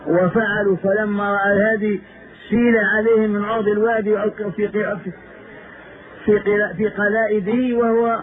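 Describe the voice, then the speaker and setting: A male Islamic scholar giving a religious lesson, repeating phrases for emphasis and asking rhetorical questions, on a tinny, phone-like old lecture tape. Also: high-pitched. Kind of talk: religious lesson retelling prophetic history.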